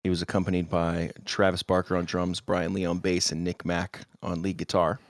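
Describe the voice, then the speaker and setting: Low-voiced man recounting podcast notes. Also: moderate pace, no room sound, studio quality. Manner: steady recounting, with short agreeing interjections. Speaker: podcast co-host. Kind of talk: casual podcast chat, reading research notes.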